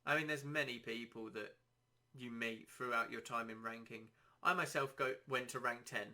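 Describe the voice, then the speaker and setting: Bright-voiced man rambling about gaming. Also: medium pitch, moderate pace. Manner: rambling, self-deprecating, easygoing. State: dry throat, slightly hoarse. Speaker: podcast host. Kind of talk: casual solo podcast chat.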